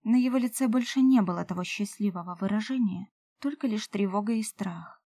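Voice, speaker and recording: Mellow woman narrating an audiobook. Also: medium pitch, a little fast, gravelly, no room sound. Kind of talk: first-person audiobook narration.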